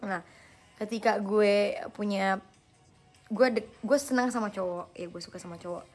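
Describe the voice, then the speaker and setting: A young woman hosting a live stream, chatting casually and playfully with viewers and answering their questions in slang, quick to laugh at herself. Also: mid-range voice, fairly even intonation, soft background music. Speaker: livestream host.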